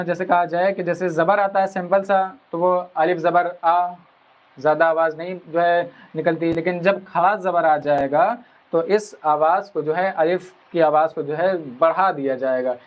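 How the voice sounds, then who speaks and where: Man teaching in a slightly high, dull recording. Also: steady tone. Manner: patient, repetitive, spells sounds out slowly. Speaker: Quran teacher. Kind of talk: explanatory lesson.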